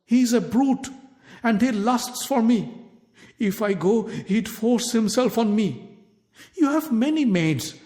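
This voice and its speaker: A man voicing a proud young woman in a storybook tale, pushing his voice higher with pleading, indignant delivery. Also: animated, slow, a little mellow, heavily acted. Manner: pleading then indignant, raised pitch. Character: proud, wronged young queen disguised as a maid.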